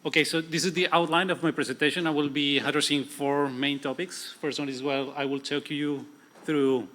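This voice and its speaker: A young adult man from Colombia with a strong Latin American Spanish accent, speaking fast in a conference presentation and often restarting his words. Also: a little high, steady tone, pushed and bright.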